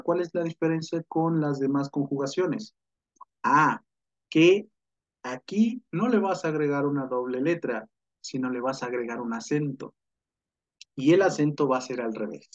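Man teaching French verbs, lo-fi. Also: a little high. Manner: patient explaining, checks in with rhetorical questions. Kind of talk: online language lesson. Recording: dull lo-fi sound.

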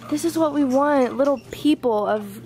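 A woman's voice: sits high, moderate pace, crowd noise. A young woman vlogging casually in a large supermarket on a handheld camera, chatty and easily grossed out. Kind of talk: casual vlog chat.

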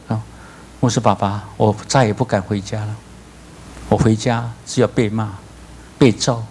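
A male pastor with a Taiwanese accent preaching a sermon, telling stories with lively acted-out voices. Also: on the low side, gravelly, a little hiss or hum. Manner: animated storytelling, acts out voices, laughs.

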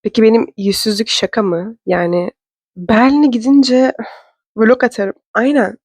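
A young woman from Turkey telling a story to camera in a chatty, fast, self-mocking way. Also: fairly high pitch, breathy edge, dry recording. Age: young adult. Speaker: vlogger. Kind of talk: casual storytelling vlog. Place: indoor room.

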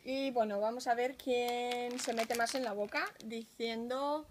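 A woman's voice: fairly high pitch, fairly even intonation, unhurried. A young woman with a Spain Spanish accent chatting casually outdoors. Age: young adult. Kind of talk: casual chat. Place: outdoor patio, camera a short distance away. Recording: noisy outdoor camera recording with clicks.

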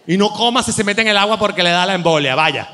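A man's voice: high voice, animated, quick pace, sharp tone, big-room sound. A man with a Venezuelan accent doing a rambling, exasperated, crude stand-up comedy monologue. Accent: Venezuelan Spanish.

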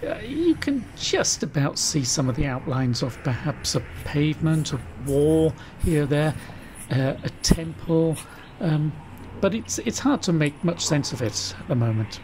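A man's voice: a little high, sing-song, a little slow, a little mellow, a little hiss or hum. Wry older British man vlogging. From Britain. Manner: wry, chatty storytelling with dry asides. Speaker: travel vlogger. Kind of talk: travel vlog narration. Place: outdoors at historic sites and in a car. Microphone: camera held at arm's length.

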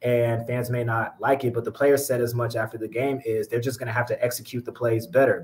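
A young man from Georgia breaking down a football game in a steady, explanatory way. He speaks at a medium pitch, laying out points one after another. He is heard over a webcam on a video call from a small room. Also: poor audio. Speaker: sports reporter, podcast guest. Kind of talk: casual postgame analysis.

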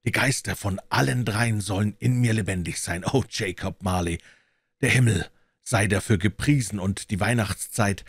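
A man's voice: on the low side, moderate pace, vocal fry, slightly rough, no echo. Scrooge, giddy old miser, read by a man. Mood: fervent. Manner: exclaiming, breathless and giddy. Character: old male miser, overjoyed and reformed.

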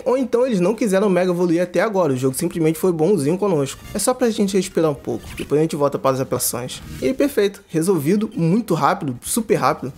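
A young man giving excited, slangy, casual commentary while playing a game. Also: on the high side. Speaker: gaming YouTuber. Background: game music.

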